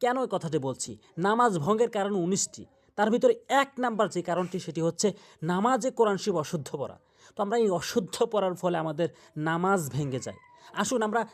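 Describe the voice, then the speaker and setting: A man with a Bangladeshi Bengali accent teaching Quran recitation, explaining pronunciation step by step and repeating sounds slowly. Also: sits high.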